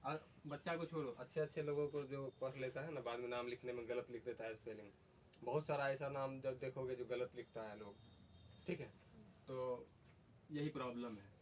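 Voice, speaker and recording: A man's voice: mid-range voice, steady tone, normal speed. A man teaching a class, asking the students questions and repeating their answers. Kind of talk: classroom lesson. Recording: faint background noise.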